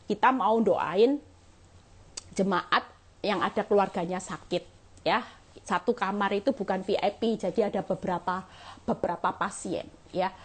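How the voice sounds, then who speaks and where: A middle-aged woman evangelist giving an earnest, encouraging sermon and testimony, often calling listeners "saudara" and fading soft at the ends of phrases. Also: fairly high pitch. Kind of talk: sermon shared on a livestream.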